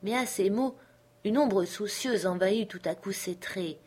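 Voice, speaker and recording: Female audiobook narrator, measured, expressive literary reading. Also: medium pitch, breathy edge. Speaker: audiobook reader.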